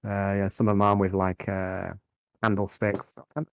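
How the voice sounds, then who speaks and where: Guy game mastering, kinda low voice, dry sound, feels his way through the story, repeats words. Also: level tone, moderate pace, clear, resonant tone, no room sound. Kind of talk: narrating a tabletop game, improvised.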